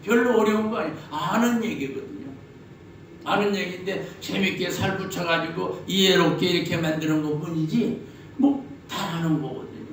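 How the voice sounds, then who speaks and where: High-voiced pastor in echoey hall. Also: male voice, moderate pace, a little hiss or hum. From Chungcheong, Korea. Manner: jokey storytelling, rhetorical questions. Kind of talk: sermon. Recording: very echoey hall, mic at a distance.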